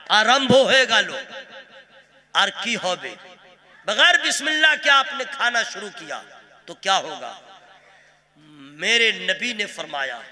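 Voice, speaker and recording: A man's voice: sits high, bright, forceful tone. A man preaching at a religious gathering, playful and laughing as he coaxes the crowd, mixing in Bengali phrases and breaking into sung verses. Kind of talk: jalsa sermon with sung verses. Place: open-air religious gathering.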